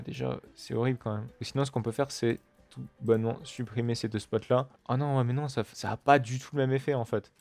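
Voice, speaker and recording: A man talks through a building game at his computer in loose, chatty commentary. He swears freely and keeps turning to his viewers with fillers and asides. His voice is mid-pitched and recorded dry, with no room echo. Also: darkish tone. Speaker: gaming video creator. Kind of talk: casual let's-play commentary.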